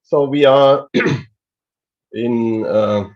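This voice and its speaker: A man presenting at an online conference over a video call whose audio fades and cuts out. He hesitates and fills pauses with "uh". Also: mid-range voice, dull audio. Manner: hesitant, many filler sounds. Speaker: engineering center presenter.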